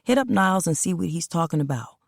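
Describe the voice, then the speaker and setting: Woman reading as a snappy germ-freak guy, fast slang, low gravelly voice, dry sound. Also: expressive, no room sound. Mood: irritated. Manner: brusque, fast street slang. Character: irritable young man, germ-obsessed and blunt.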